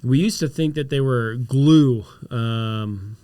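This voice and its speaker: A man's voice: medium pitch, takes it slowly, clear, resonant tone, no room sound. A man, a chiropractor, chatting casually on a health podcast, explaining remedies and telling stories. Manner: storytelling, mixes explanation with animated reenacted quotes.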